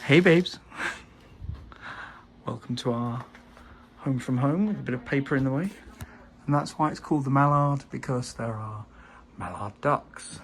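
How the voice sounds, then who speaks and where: A man chatting casually on a road trip vlog, relaxed and full of fillers. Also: medium pitch, a little slow, pauses often. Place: outdoors and in a car, on the road. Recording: outdoor background noise.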